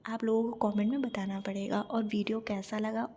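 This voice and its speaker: A woman vlogging casually at home, telling her day in a chatty, lively way. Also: mid-range voice, normal speed. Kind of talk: casual home vlog narration.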